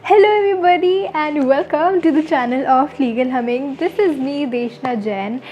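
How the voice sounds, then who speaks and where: A woman in her early twenties, a law student who vlogs, chats upbeat to camera in a casual Q&A, answering viewers' questions in an Indian English accent. Her voice sits high and moves at a moderate pace, and the audio is dull with background noise.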